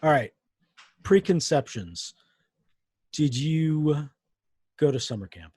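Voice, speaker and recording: A man's voice: on the high side, animated, takes it slowly, a little mellow, slightly rough, no echo. A young adult man co-hosting a podcast in casual chat, making dry, wry remarks. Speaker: podcast co-host.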